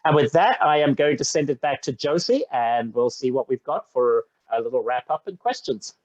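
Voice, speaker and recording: A man's voice: medium pitch, animated, moderate pace, a little mellow, no room sound, muffled recording. A man from Zambia giving an enthusiastic, effusive presentation on a video call webinar. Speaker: safari travel presenter.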